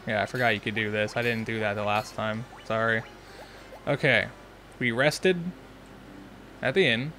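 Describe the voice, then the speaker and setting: A man's voice: on the low side, bright, forceful tone, a little hiss or hum. Chatty young man commenting on gameplay. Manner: chatty, thinking aloud, quick asides. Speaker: let's play host.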